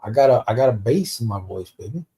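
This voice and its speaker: On a live stream, an American male podcast host chats casually and reads viewer comments aloud, blunt, streetwise and profane, sprinkling Spanish slang into his English. His medium-pitched voice is expressive and dark, and he talks quickly.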